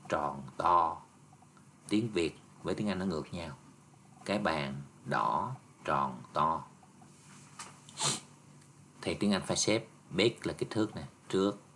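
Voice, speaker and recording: Deep-voiced guy teaching, patient and chatty, slight background noise. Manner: patient, explaining step by step with frequent "nha" and "nè". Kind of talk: exam review lesson.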